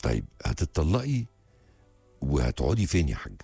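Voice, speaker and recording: Very deep, gravelly man. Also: huge pitch swings, brisk, dark tone, no room sound, soft background music. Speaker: advice show host. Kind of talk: counselling a caller.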